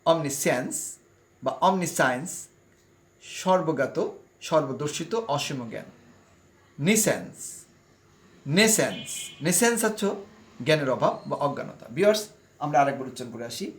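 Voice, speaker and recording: Male vocabulary tutor with a slightly high voice, who repeats words slowly for viewers. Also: animated. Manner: slow careful word-by-word pronunciation drills; keeps addressing viewers. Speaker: English vocabulary teacher. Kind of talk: online vocabulary lesson.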